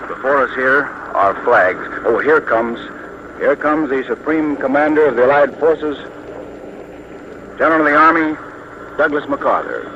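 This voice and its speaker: In a noisy, muffled 1940s radio broadcast, an American man reports live from the deck of a warship as loud noise and the drone of aircraft fill the background. His voice is fairly high, and as the correspondent on the scene he announces formally and at a measured pace, phrasing every detail deliberately.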